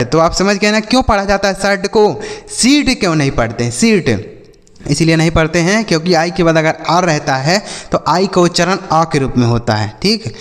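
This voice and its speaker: A man teaching English reading in a classroom style, asking his students questions and drilling each word slowly. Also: fairly high pitch, big-room sound. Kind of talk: classroom-style phonics lesson.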